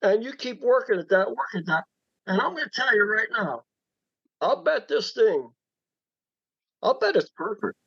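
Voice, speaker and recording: A man speaking over a conference call from his cell phone, halting and repeating words as he explains a woodturning project. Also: high-pitched, sing-song, husky, no echo. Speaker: woodturning club member showing his work. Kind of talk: casual chat on a group call. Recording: dull dry phone-call audio.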